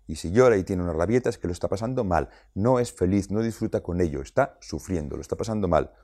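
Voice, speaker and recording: Animated man from Spain lecturing parents. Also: on the low side, no room sound, studio quality. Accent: Spain Spanish. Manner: emphatic, repeats points for effect. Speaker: parenting speaker.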